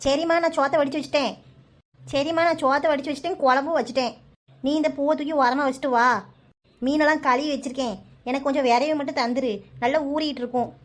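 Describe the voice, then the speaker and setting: A busy village housewife from a cartoon, played by a woman, high-voiced and quick, with a Kanyakumari accent. She is practical and a little defensive. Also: steady tone, lightly acted. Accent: Kanyakumari Tamil. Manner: brisk, practical explaining. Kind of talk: cartoon voice acting.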